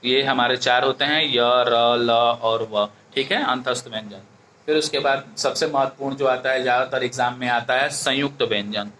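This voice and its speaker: Male tutor, bright forceful voice, faint hiss behind, patient step-by-step exam coaching. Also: medium pitch. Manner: explains step by step, keeps asking "ठीक है?". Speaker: teacher. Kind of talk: exam-prep grammar lesson.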